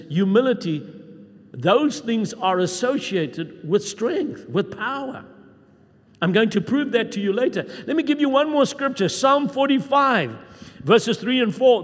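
A man preaching a sermon, speaking emphatically and reading scripture aloud with rising intensity in a church. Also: high voice. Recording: long reverb of a large hall.

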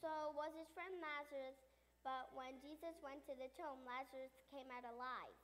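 Woman playing a loud male huckster for a children's skit, sits high. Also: steady tone. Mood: earnest. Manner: salesy, rapid-fire sales pitch. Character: fast-talking male used-camel salesman, pushy pitchman. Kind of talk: children's church radio skit.

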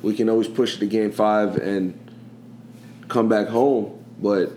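Chatty man hosting a sports podcast, mellow tone. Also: fairly low pitch, fairly even intonation, takes it slowly. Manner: rambling and chatty, often asks "you know what I'm saying". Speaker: podcast host. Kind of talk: casual sports chat. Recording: echoey room, faint background noise.

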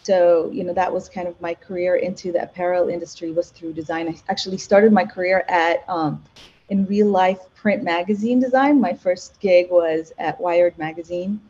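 Woman from Egypt, podcast guest, mellow husky voice, animated storytelling, dull lo-fi sound. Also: fairly low pitch, moderate pace. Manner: animated, self-correcting storytelling. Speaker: podcast guest, marketing executive. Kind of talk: casual interview chat.

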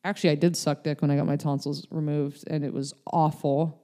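Young woman, casual podcast guest; mellow tone, candid, meandering delivery. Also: deep voice, level tone, fairly quick. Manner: rambling, filler-heavy, candid. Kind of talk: casual chat. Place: LA area.

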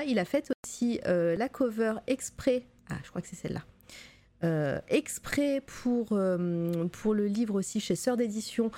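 A woman's voice: medium pitch, mellow. A woman hosting a live stream in an easy, rambling style. She fills her sentences with hesitations and slips in little laughs as she goes. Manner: chatty, many fillers, giggly asides. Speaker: stream host. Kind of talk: casual live-stream chat.

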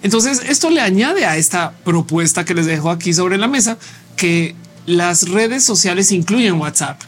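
A man's voice: high-pitched, animated, moderate pace, faint music behind. A man with a Mexican Spanish accent hosting a casual live show, thinking aloud in a conversational way and reading viewer comments.

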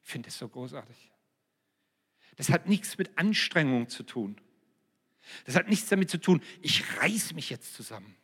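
A man preaching a sermon, swinging between loud emphatic passages and quiet, dropped-voice asides. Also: fairly high pitch, big pitch swings, moderate pace, long pauses, breathy edge. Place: church hall. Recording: reverberant church hall.

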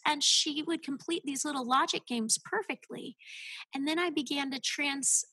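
A woman's voice: high voice, sharp tone, no room sound, poor audio. A woman guest on a podcast, telling her story as a homeschooling mother in an earnest, heartfelt way. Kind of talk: casual podcast interview.

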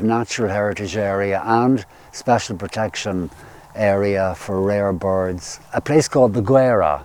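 Mellow-voiced man guiding outdoors. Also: lowish voice. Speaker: local nature guide. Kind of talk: casual explanatory chat on a walk. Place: outdoors in a wetland nature reserve.

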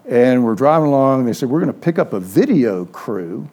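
A man's voice: medium pitch, fairly quick. An older man teaching a church Sunday school class, telling anecdotes and acting out the dialogue. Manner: lively storyteller, acts out quoted dialogue. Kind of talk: informal sermon with storytelling.

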